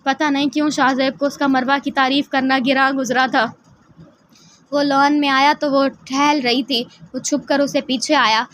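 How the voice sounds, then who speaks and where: A woman narrating an audio novel in a steady, plain reading style. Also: sits high. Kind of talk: scripted narration.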